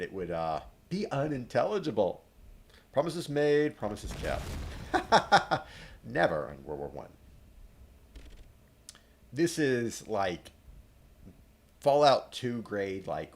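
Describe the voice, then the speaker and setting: A man with a fairly low voice chats his way through a video game, rambling and full of filler words. His pitch swings widely as he talks, rising and dropping from phrase to phrase. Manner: rambling and chatty, lots of "like" fillers. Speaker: let's play host. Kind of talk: casual gameplay commentary.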